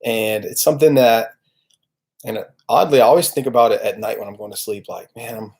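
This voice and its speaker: In his late thirties, this motivational video host delivers an informal, reflective monologue in a fairly low, gravelly, slightly mellow voice with fairly even intonation. His speech is earnest and conversational, halting as he searches for words.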